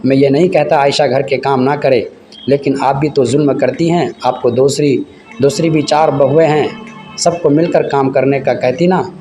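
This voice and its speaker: A man voicing a gentle young husband who speaks softly and affectionately. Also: mid-range voice, steady tone, moderate pace, faint music behind, close to an everyday voice. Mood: tender. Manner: soft, affectionate.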